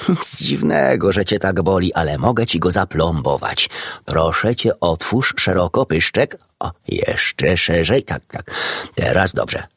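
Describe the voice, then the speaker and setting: Man voicing a calm, kindly animal doctor. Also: sits low, a little slow, gravelly, breathy edge, no echo, clean studio sound, full character voice. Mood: gentle. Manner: calm, reassuring, gentle. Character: kindly, unflappable old country doctor.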